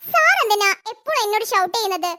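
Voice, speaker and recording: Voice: expressive, fast talker, bright, forceful tone, full character voice. A performer voicing a jealous, scheming young office woman in a cartoon, sugary to her boss and plotting under her breath. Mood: pleading. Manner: sweet to the boss, low muttered asides.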